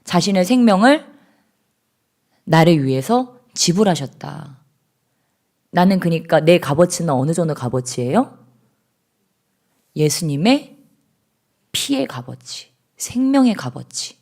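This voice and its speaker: Woman pastor preaching, soft to shouting. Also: lowish voice, big pitch swings, a little slow, long pauses. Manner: swings from hushed to shouting praise. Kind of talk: sermon. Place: church.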